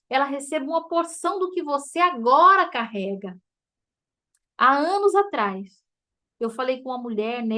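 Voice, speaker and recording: Brazilian woman teaching a faith class, high voice, chatty and emotional, laughs a lot. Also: bright, forceful tone. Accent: Brazilian Portuguese. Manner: chatty and emotive, addressing listeners as "gente", laughs often. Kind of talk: informal teaching talk to a group.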